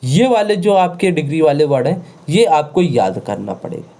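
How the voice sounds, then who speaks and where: Very animated, with a mellow voice on the high side, the online grammar teacher keeps a normal pace. Repetition drives his lesson, as he hammers words and tosses out rhetorical questions to keep the class with him.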